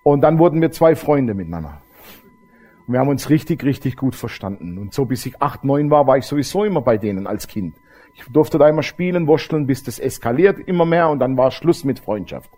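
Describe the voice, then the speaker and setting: A middle-aged man preaches a testimony sermon, telling his own story directly to the congregation. His mid-range voice is dark in tone, animated and brisk as he speaks.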